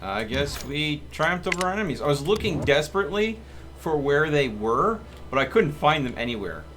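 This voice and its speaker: A gaming streamer gives casual live commentary, muttering to himself and reading game text with some drama. His voice is on the high side and very animated at a moderate pace, with game music and heavy background noise behind him.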